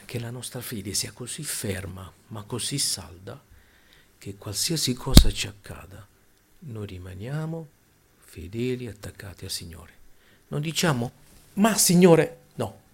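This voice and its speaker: A man preaching a sermon, swinging between loud exclamations and hushed, near-whispered lines. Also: fairly low pitch, lively intonation, a little slow, creaky, slight background noise.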